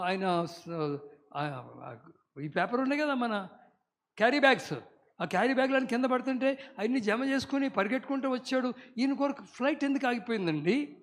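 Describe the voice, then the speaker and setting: A man in his late seventies preaching a sermon as pastor, emphatic, with sudden loud calls to the congregation and English phrases worked in. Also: very high-pitched, in a large hall. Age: 70s.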